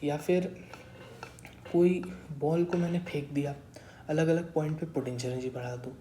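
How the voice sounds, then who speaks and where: Young man, twenties, casual tutor, mellow tone, self-answering questions, echoey room. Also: on the high side, steady tone, moderate pace, a little hiss or hum. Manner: asks questions and answers them himself, calls listeners brother; repeats a stock phrase of agreement. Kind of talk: casual classroom explanation. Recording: roomy echo.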